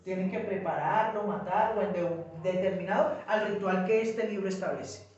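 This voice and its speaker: A man teaching a small group in a relaxed way, explaining step by step and checking in with his listeners. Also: high voice, moderate pace, dull audio. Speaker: Bible study teacher. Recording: echoey room, mic far off.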